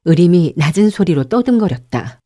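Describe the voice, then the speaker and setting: A woman narrates an audiobook with calm, measured storytelling. Her voice is lowish and mellow. The recording is dry and close. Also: dry recording. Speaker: audiobook narrator and channel host.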